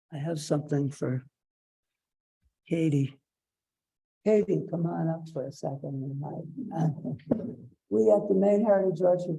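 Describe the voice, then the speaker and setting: An older man giving an informal talk as a guest speaker, with a halting, unhurried, off-the-cuff delivery. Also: on the high side, creaky, mellow, low-quality recording. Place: museum event room with audience.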